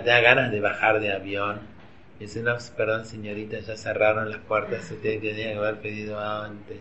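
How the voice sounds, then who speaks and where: Speaking in a lowish, fairly bright voice, an Argentine religious teacher chats informally with a class of women, firing questions at them over and over. The audio sounds roomy and a little dull, with a faint hum underneath.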